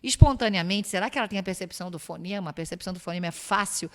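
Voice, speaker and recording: A university lecturer with a Brazilian Portuguese accent gives an academic lecture very fast in a lowish voice, explaining step by step and posing rhetorical questions. The long reverb of a lecture hall surrounds her.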